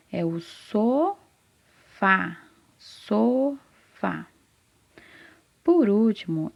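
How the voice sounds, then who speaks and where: A woman teaching literacy to first graders in a slow, patient lesson, sounding out syllables and answering her own questions. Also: mid-range voice, vocal fry, dark tone. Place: classroom with a whiteboard. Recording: slightly dull, lo-fi sound.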